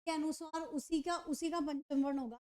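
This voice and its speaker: High, mellow-voiced woman teaching grammar. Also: steady tone, normal speed, no room sound, clean studio sound. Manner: asks questions and answers them herself, repeats "ठीक है". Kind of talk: online Hindi grammar lesson.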